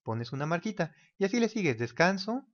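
A man's voice: high-pitched, sing-song, brisk. Male teacher, casual sketch-as-you-go explainer, muffled lo-fi audio. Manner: casual, talks while drawing, mimics ticking clock. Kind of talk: whiteboard explainer lesson. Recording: dull lo-fi recording.

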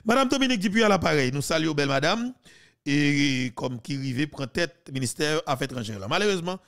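A man in his thirties with a Haitian accent, giving heated, mocking political commentary on a podcast, with sudden loud outbursts. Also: on the high side, lively intonation, moderate pace, creaky. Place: small studio. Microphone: studio mic with headphones.

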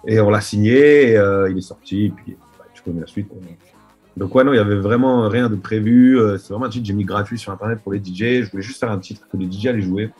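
A man's voice: fairly low pitch, fast, a little mellow, husky, soft background music. A man, a DJ guest telling a story in casual interview talk on a video call, rambling with many hesitations. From Marseille, France. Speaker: DJ and producer guest. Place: dim room at home. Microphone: video call webcam.

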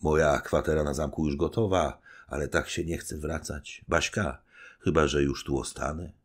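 A man voicing a steadfast small knight in an audiobook, speaking calmly and curtly. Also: rumbling low, normal speed, breathy edge. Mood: tender.

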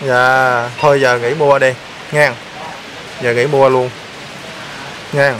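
A male vlog host teases and prods someone on camera, repeating his questions in a casual chat. His mid-range voice is slow with little pitch movement, and there is background noise.

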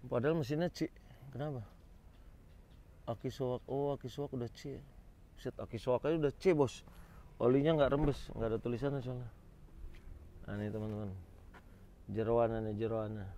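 Outdoors on a car lot, the host of a used car auction vlog walks around and talks straight to his viewers in an informal, exclamatory way. His voice is mellow and mid-range, moving at a normal speed with long pauses.

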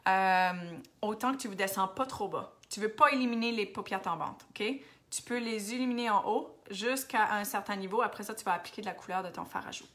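Woman, Acadian French accent, bright voice, casual live-stream chat, answers viewer comments, mixes in some English. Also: medium pitch, brisk, few pauses. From New Brunswick, Canada. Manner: chatty, switches to English, drops to near-whispers now and then. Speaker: makeup seller hosting a Facebook live.

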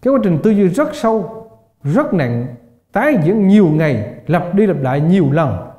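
A man's voice: high-pitched, big pitch swings, normal speed. Older male Buddhist teacher, echoey lecture. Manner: asks the class rhetorical questions and laughs while telling stories. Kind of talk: dharma lecture. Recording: echoey, dull lo-fi hall recording.

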